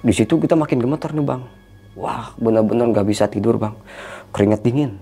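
A man's voice: medium pitch, brisk, gravelly, warm tone, breathy edge, soft background music. A man casually recounting a frightening hiking experience, tensely imitating the eerie sounds he heard. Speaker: hiker telling a story. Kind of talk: casual storytelling.

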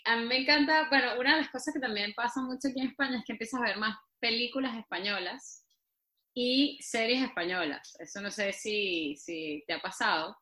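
A woman's voice: fairly high pitch, fairly quick, pushed and bright. A woman from Venezuela with a Venezuelan accent, chatting casually and laughing often. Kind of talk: casual chat.

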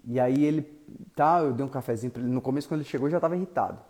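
A male pastor, telling a story in an animated sermon that swings from loud to soft. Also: mid-range voice, racing.

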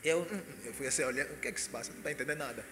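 A man telling a personal testimony, animated and breaking into sudden loud exclamations. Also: mid-range voice, racing, background noise. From Angola. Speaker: speaker giving a personal testimony. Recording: echoey hall with faint music.

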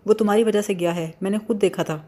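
Excitable little girl who gets loud and pushy, woman reading her in a story, mellow voice. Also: mid-range voice, lightly acted. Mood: accusing. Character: excitable little girl, proud and easily upset.

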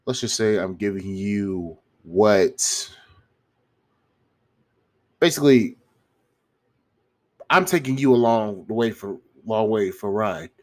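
Male YouTuber, lowish voice with a blocked-nose sound; informal pep talk, repetitive, slangy, unpolished. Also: slow, pauses often, darkish tone. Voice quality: congested, stuffy-nosed. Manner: rambling, repeats and restarts phrases; slangy, frequent swearing. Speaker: YouTuber giving self-improvement advice. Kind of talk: casual motivational monologue to viewers.

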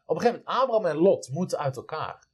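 A man's voice: a little high, sing-song, racing, a little mellow, husky. Eager man in a casual Bible chat. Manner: eager, affirms often with "ja" and "wauw".

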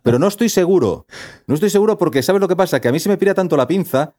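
A man's voice: high-pitched, rapid-fire. Rambling man telling stories. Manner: rambling, animated storytelling, self-doubting. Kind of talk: casual chat.

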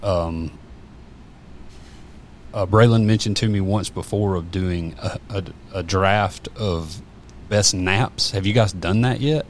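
A man's voice: low voice, takes it slowly. A man chatting casually on a podcast, rambling with many fillers and restarts. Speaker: podcast guest. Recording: faint background noise.

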